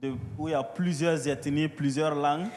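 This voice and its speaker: A man's voice: on the high side, fairly even intonation, normal speed, darkish tone. A man with a West African French accent, a native French speaker, addressing a church as a guest missionary in short phrases. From Burkina Faso. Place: large echoing church hall. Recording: long hall reverb, faint noise.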